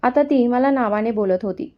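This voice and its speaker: A woman narrating a first-person story in a calm, steady reading voice. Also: on the high side, normal speed. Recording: dull lo-fi sound.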